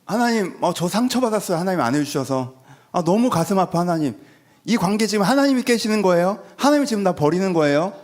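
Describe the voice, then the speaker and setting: A whiny, sulking believer, as a preacher puts him on, pleads and guilt-trips in a somewhat high voice. His tone is passive-aggressive, and his pitch swings up and down a lot. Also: huge pitch swings, normal speed, vocal fry, slightly rough, heavily acted. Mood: sulky pleading. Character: sulky adult male believer bargaining with God.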